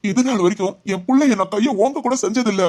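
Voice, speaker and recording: A woman voicing a middle-aged father in an animated family drama, speaking earnestly and with hurt. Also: medium pitch, fast talker, lightly acted. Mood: aggrieved. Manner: earnest, pleading.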